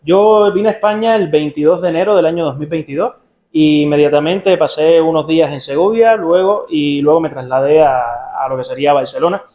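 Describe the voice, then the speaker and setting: Fast, high-voiced young man. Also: roomy sound, phone-quality sound. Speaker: guest co-host.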